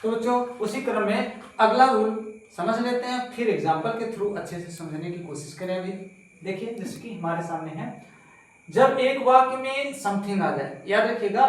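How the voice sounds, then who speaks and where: A man teaching a slow grammar lesson to pupils, repeating points and asking them questions. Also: high-pitched, far from the mic. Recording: very echoey room, voice from off-mic.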